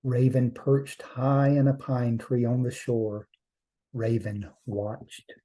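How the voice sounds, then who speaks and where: A man telling a traditional trickster tale as a storyteller, in measured short phrases with deliberate pauses. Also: mid-range voice, flat delivery, dark tone, poor audio.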